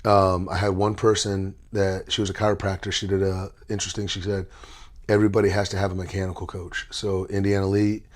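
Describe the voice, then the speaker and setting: A man's voice: low-pitched, level tone, a little fast. A man hosting a casual podcast interview, telling stories in a chatty, playful way. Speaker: podcast host.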